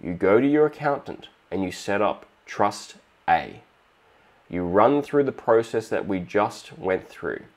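Australian man, fairly low voice, steady explainer, finance host monologue. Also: a little slow. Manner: steady explanatory, acts out little dialogues.

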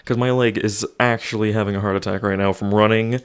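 Young male gamer, winded, talks himself through VR play in a lowish voice; self-narrating, exclaiming. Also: steady tone, fast talker, clear, resonant tone. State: out of breath. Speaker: gaming YouTuber. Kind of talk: VR gameplay commentary. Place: home room with desk.

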